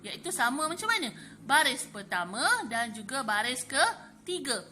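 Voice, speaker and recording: A woman's voice: sits high, sing-song, normal speed, pushed and bright. A Malaysian woman teacher with a Malay accent giving a lesson to young pupils, chatty and full of fillers like "okey" and "ha". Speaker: primary school teacher. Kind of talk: classroom lesson explaining poetry.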